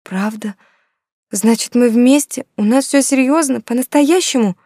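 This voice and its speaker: A woman's voice: mid-range voice, very animated, fairly quick, mellow, husky, dry recording, studio quality, voice pushed up. A woman reading an audiobook, voicing a young woman in love who speaks in a breathless, pleading way. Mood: anxious. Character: young woman in love, anxious then overjoyed. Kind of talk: audiobook dialogue.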